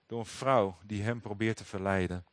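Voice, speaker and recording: A man with a fairly low voice reads scripture and then explains it in a sermon. He talks in a halting way, often pausing on fillers and restarting his sentences. The recording is dry, with no room sound. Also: fairly even intonation, dry recording. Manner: hesitant, many fillers and restarts. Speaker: preacher. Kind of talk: Bible reading with commentary.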